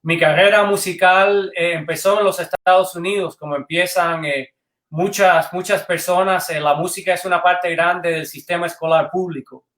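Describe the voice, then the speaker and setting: A man from Cuba, a band director, answering interview questions in a measured, thoughtful way over a video call. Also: sits high, fairly even intonation, a bit bright. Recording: echoey room sound.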